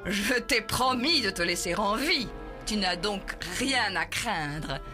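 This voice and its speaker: A woman's voice: mid-range voice, animated, takes it slowly, pushed and bright, soft background music. A woman playing a cruel male bailiff, speaking with mock friendliness and cold commands. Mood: menacing.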